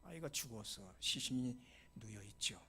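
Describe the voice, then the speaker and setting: A middle-aged male pastor preaching a sermon, telling the story dramatically and dropping to whispers before loud exclamations, with short English phrases mixed in. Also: medium pitch, expressive, moderate pace.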